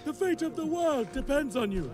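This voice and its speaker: A man voicing frantic blocky cartoon villager men in an animated comedy, with urgent, squeaky, exaggerated delivery. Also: normal speed. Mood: commanding. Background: cartoon soundtrack music.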